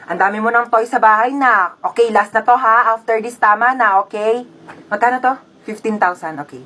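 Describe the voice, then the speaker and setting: A woman's voice: a little high, normal speed, bright, forceful tone. A woman voicing an indulgent mother who gives in to her child, in a comedy skit.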